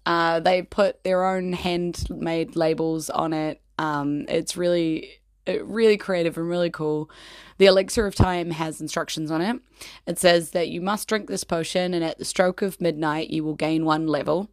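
A woman in her thirties with a New Zealand accent and a hoarse, croaky voice, rambling casually as the host of her own show. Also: lowish voice, fairly even intonation, normal speed, darkish tone, no room sound. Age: 30s. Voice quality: croaky, gravelly. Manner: chatty, rambling. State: hoarse, voice nearly gone from partying. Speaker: host of a personal episodic show.

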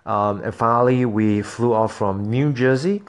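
A man's voice: medium pitch, unhurried. A man from Singapore, hosting a solo podcast and talking to his listeners in an earnest, motivational way. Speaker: podcast host.

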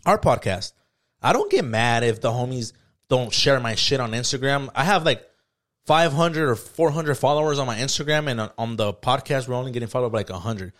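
A man, co-hosting a casual podcast chat, telling stories in a profane, slangy, animated way. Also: mid-range voice, a little fast. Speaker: podcast co-host.

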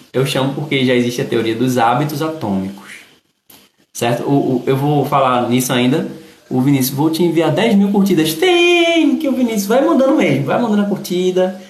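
A man's voice: fairly high pitch, normal speed, a little mellow. A man with a Recife Brazilian accent who says s as a slushy sh, giving a casual motivational livestream talk, explaining and thanking viewers. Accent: Recife Brazilian Portuguese. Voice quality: slushy sh sound for s. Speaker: livestream host. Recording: echoey, roomy sound.

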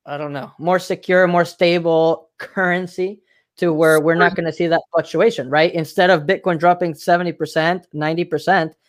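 A man's voice: on the high side, steady tone, normal speed. Man from Mexico, host of a casual stream; loose, rambling delivery full of fillers. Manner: rambling, hedging with filler phrases. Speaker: livestream host. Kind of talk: casual chat.

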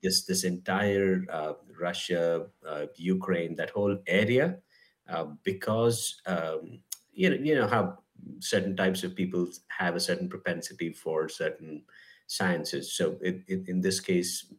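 A man from India with an Indian accent, talking in a relaxed conversation and often pausing on ums and uhs. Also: deep voice. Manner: hesitant, many ums and uhs. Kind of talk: casual conversation.

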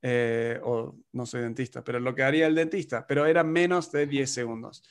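Brisk and smooth, this medium-pitched American man co-hosts a podcast and casually talks marketing in long stretches, slipping into quoted voices to play his clients. The talk is easygoing conversational advice.

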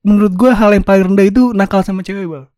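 A man's voice: sits high, steady tone, quick pace, darkish tone, no room sound, studio quality. A young man with a Jakarta accent chatting casually on a podcast in Jakarta slang, swearing offhandedly. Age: young adult.

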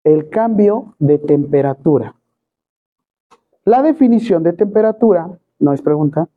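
A teacher with a Mexican accent lectures a class and keeps throwing questions at the students. The pitch sits in a middle range. The recording is thin and tinny, like a phone line. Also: lively intonation, measured pace. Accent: Mexican Spanish. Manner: quizzes students with constant rhetorical questions.

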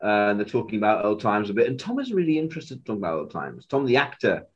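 Animated, rambling male podcast host. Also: fairly low pitch, fast talker, slightly rough, dull audio. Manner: rambling, animated, stammers on restarts. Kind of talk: casual fan chat.

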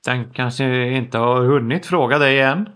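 A man playing a tabletop role-playing game, giving calm, matter-of-fact replies. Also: medium pitch, clean tone. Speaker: player.

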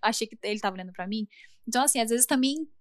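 A young Brazilian woman co-hosting a podcast in casual chat with a Brazilian Portuguese accent, animated and acting out quoted friends. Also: on the high side, very fast, dry recording, studio quality. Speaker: podcast co-host.

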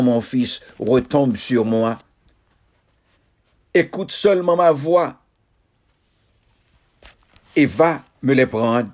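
Guy reading bible passages real slow, calm and steady, mid-pitched voice, little pauses between phrases. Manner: measured, solemn reading with short phrases. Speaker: Bible reader. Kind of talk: scripture reading.

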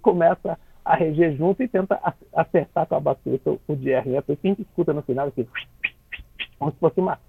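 A man with a Brazilian Portuguese accent, a conductor chatting on the radio, restarting phrases and tagging them with quick questions as he explains. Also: a little high, creaky, breathy edge. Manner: chatty, many restarts and tag questions, laughs while explaining. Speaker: conductor explaining classical music in cartoons. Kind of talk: casual radio chat. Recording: dry tinny phone line.

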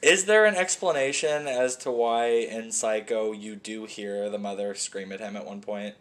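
A man's voice: on the low side, moderate pace, a little hiss or hum. A man co-hosting a podcast, chatting casually with a friend in a laid-back way and chuckling often. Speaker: podcast co-host. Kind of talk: casual chat between friends.

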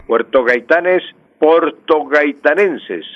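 A man, a language expert on a radio show, patiently explaining words and repeating them slowly. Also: on the high side, no echo. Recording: dull lo-fi radio line.

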